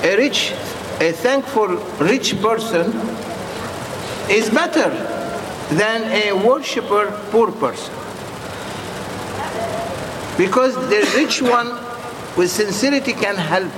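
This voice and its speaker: A man who is a non-native English speaker preaching informally in short, halting, repeated phrases and putting questions to his listeners. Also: sits high, expressive. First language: not English. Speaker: Sufi preacher addressing followers. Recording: echoey reverberant hall with clear background noise.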